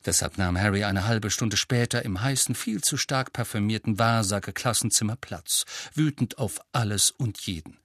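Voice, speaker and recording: A man reading an audiobook aloud as narrator, in steady, expressive storytelling. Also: on the low side, normal speed, few pauses, no room sound, clean studio sound. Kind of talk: scripted narration.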